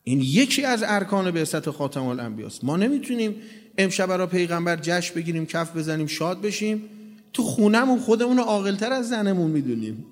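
A man with a notably high voice preaches to a gathered audience, earnest and direct with his listeners. His sermon rings out with a long reverb tail from a large hall. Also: lively intonation. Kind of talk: religious sermon with storytelling.

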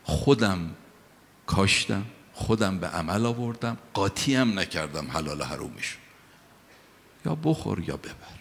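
A man voicing a humble elderly male sage who answers a ruler with calm, firm refusals. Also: low-pitched, gravelly, heavily acted. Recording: long hall reverb.

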